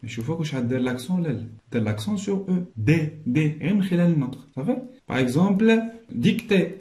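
A man with a Moroccan accent giving a recorded lesson to pupils, switching between Darija and French and slowly repeating words as he explains. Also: a little high, expressive, mellow, roomy sound. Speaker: teacher.

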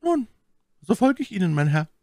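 A cunning, imperious noblewoman, her voice pitched high above a man's natural register and full of haughty, probing questions, as a male reader puts her on. She is a storybook figure who turns to indignant protest when she is crossed. The sound is close and dry, with no room around it. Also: big pitch swings, normal speed, darkish tone, dry recording. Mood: proud, cool. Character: proud, cunning noblewoman captive, imperious and suspicious.

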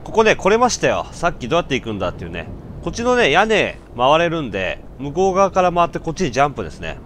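A man giving casual let's-play commentary, breaking from muttered asides into loud startled outbursts. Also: fairly high pitch, wildly swooping pitch, very fast, slight background noise.

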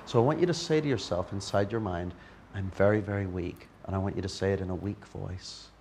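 A man's voice: low voice, quick pace, gravelly, a little hiss or hum. A man leading a live workshop demonstration, coaxing a volunteer in a playful way. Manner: playful, coaxing, animated with a group. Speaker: NLP trainer. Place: training room before a live audience.

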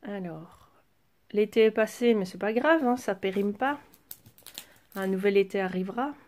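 A woman's voice: mid-range voice, moderate pace, a little mellow. Chatty woman showing her craft haul. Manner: chatty, hesitant fillers while handling items. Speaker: craft vlogger. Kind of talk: casual haul show-and-tell.

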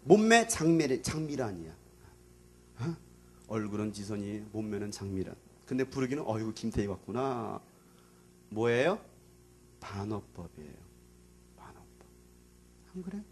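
A middle-aged male pastor preaching to teenagers in a casual, animated way, swinging between loud emphasis and quiet asides. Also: on the low side, normal speed, pauses often, slight background noise. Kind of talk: youth sermon.

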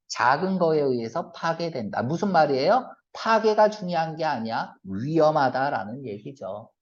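A male English reading teacher giving a brisk exam-prep lecture, firing quick rhetorical check-questions at his students and switching between polite and blunt casual speech. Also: on the high side. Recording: lo-fi lecture recording.

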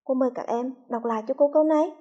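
Patient teacher woman with a soft husky voice. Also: high voice, lo-fi sound. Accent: Vietnamese, from Hue. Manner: slow, clearly articulated, patient. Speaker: primary school teacher. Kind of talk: reading lesson for young children.

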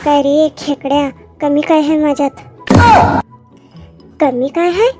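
A whiny, boastful village lad begs for a bride, voiced by a woman. The voice sits high and flat, with loud music underneath the cartoon comedy. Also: unhurried. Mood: pleading. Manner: whiny, boastful pleading in rural speech. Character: poor village young man, pleading for a bride.

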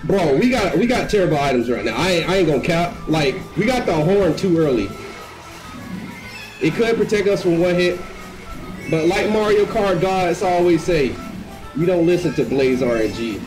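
A man giving live gameplay commentary as a streamer, slangy and excitable, breaking into screams. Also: a little high, normal speed, rough recording. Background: game music.

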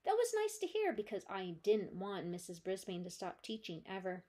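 A woman's voice: mid-range voice, very animated, normal speed, mellow. Woman librarian reading a children's book. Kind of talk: children's book read-aloud.

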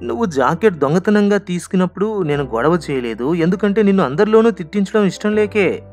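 A man's voice: high-pitched, animated, brisk, darkish tone, soft background music, pitched above the performer's own voice. A man voicing a pushy young man who keeps coaxing and insisting.

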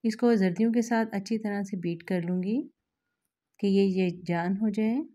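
A woman host, calmly explaining a recipe step by step to her viewers in a voice-over. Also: medium pitch, moderate pace. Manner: calm, instructive, addresses viewers directly. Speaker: cooking channel host.

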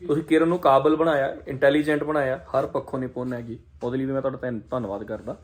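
A man's voice: mid-range voice, steady tone, fast. A man with a Punjabi accent chatting casually in a family vlog, teasing and talkative. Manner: chatty, teasing, sings folk lines. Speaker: vlogger.

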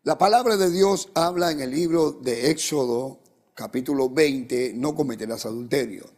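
Ecuadorian pastor interviewing a guest. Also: male voice, fairly high pitch, a little slow, darkish tone. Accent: Ecuadorian Spanish. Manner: preacherly, quotes scripture, leads the guest. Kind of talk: church testimony interview.

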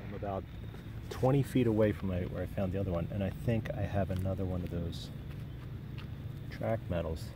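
A man's voice: low voice, a little fast, pauses often. A man casually narrating his metal detecting finds, half to himself, with understated amazement. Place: outdoors in a wooded park. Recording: clear outdoor background noise.

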